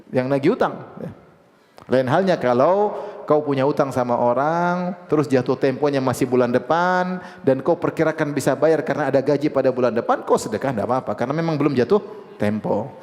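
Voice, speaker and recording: A man's voice: on the high side, a little fast, in a large hall. A man giving an Islamic lecture, telling stories and acting out the voices of the people in them. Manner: lively storytelling, acts out quoted voices. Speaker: preacher.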